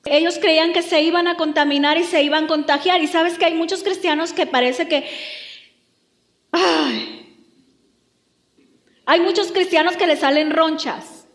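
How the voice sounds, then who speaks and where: A woman pastor preaching a lively, humorous sermon. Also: extremely high pitch, fairly quick, few pauses, echoey room. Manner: lively, humorous, acts out quotes.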